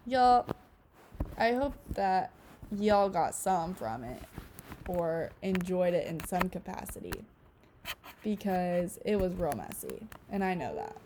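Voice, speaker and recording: A woman in her early twenties with a lowish voice speaks slowly but very animatedly over background noise. In her casual solo podcast she rambles emotionally, saying "like" over and over.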